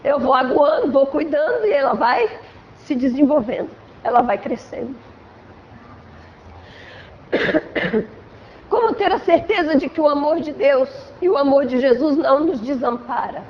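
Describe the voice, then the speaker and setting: Brazilian woman, spiritual lecturer, high voice, chatty and explanatory, slightly dull lo-fi hall recording. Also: expressive, a little slow, pauses often, slight background noise. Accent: Brazilian Portuguese. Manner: conversational, frequent "né?" tags, acts out examples. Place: assembly hall of a spiritual center.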